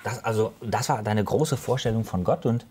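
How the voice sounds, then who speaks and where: Male interviewer, husky and breathy, calm prompting questions. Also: on the low side, normal speed. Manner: gentle, prompting with short "mhm"s.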